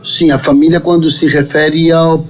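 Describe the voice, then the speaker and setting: A middle-aged pastor from Chile talks in a relaxed podcast chat. His voice sits a little high for a man, and he drops in easy jokes. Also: normal speed, rough recording. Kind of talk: casual podcast conversation.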